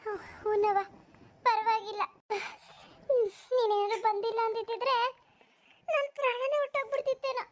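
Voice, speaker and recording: A woman's voice: very high voice, little pitch movement, normal speed, pauses often. A woman voicing a kindly, lonely old village grandmother in a cartoon, talking in a rustic, motherly, consoling way. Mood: weary. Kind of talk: cartoon voice acting.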